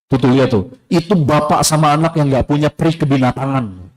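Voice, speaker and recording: A man giving a casual sermon to a live audience, lively, acting out voices in his story and repeating key phrases. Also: on the high side, brisk. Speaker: preacher.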